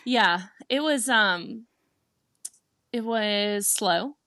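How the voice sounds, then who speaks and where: A young woman co-hosts a podcast in a relaxed, agreeable chatting style. Her voice is bright and forward. The sound is dry, with no room echo. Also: mid-range voice, very slow. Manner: relaxed, agreeable, frequent laughs and backchannels. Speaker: podcast co-host. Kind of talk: casual chat recap.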